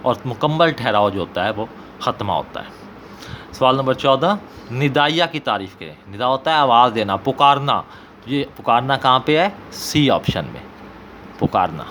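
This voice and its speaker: Going over an exam paper, a male Urdu teacher repeats example sentences slowly in his Pakistani Punjabi accent. His medium-pitched voice is a bit bright, and there's slight background noise.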